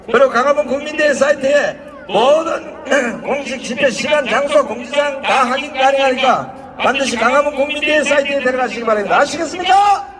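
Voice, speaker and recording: A man's voice: very high-pitched, a little fast, crowd noise. A man acting as master of ceremonies at an outdoor rally, giving directive, exhorting announcements. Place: outdoor street rally stage. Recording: long reverb from outdoor PA.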